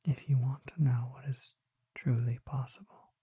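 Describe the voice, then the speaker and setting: The character is a mysterious vampire apothecary, gentle and solemn, voiced for ASMR roleplay in a hushed, breathy whisper with formal, carefully measured phrasing. The mid-range voice keeps a level tone in a dry recording.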